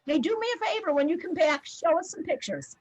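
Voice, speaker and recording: A woman math teacher chatting briskly and warmly with her students on a video call, with lots of fillers. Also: extremely high pitch, big pitch swings, no room sound, muffled recording. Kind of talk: casual talk with students after class.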